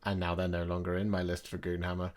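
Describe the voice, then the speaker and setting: A man hosting a casual hobby chat, talking through his own work in a relaxed, joking way. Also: sits low, fast, a little hiss or hum.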